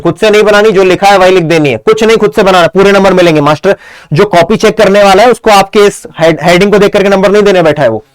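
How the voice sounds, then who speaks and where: A male teacher gives a fast exam-prep lesson. He keeps checking with his students and slows down to dictate sample lines. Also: high voice, poor audio. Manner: rapid, repeats "ठीक है ना?" to check understanding.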